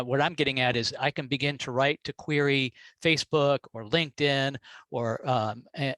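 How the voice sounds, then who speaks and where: Halting man on a dry video call. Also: medium pitch, fairly bright tone, no room sound, low-quality recording. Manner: hesitant, halting, many restarts. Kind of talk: casual video call discussion.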